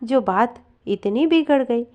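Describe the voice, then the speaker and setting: A calm, concerned young husband, voiced by a woman reading a story. He talks reasonably and keeps the peace. The voice stays fairly high, with lively pitch and an unhurried pace. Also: dull audio.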